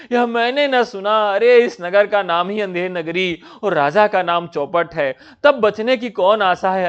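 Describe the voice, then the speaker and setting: A man's voice: sits high, fairly bright tone, smooth. A man reading the part of a frightened young disciple who begs for his life in a wailing voice. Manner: wailing, pleading. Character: poor frightened male disciple facing hanging. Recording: dull lo-fi recording.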